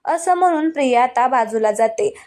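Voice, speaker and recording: Woman, serial recap narrator, chatty, speaks to viewers directly, fairly high voice. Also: animated, moderate pace, a little mellow. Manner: chatty, addresses viewers directly, frequent asides. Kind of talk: casual storytelling recap.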